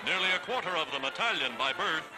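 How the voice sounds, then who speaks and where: A man's voice: a little high, lively intonation, fast, low-quality recording. A man giving 1940s wartime newsreel narration in a declamatory, stirring and triumphant way. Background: loud music.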